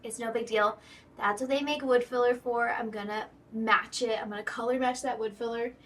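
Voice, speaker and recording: Filmed from across her home workshop on a distant camera mic with faint room noise, a woman speaks at normal speed in a slightly high, steady, fairly bright voice. It's a casual vlog in which she chats, talks to herself as she works, and occasionally whispers.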